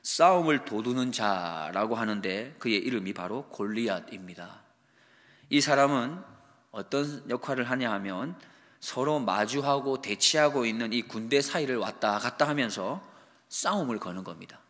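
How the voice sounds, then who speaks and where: A male pastor delivers a morning devotional sermon at a middle pitch. He explains at a steady pace and poses rhetorical questions to his listeners, and his voice carries the long reverb of a large hall. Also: moderate pace.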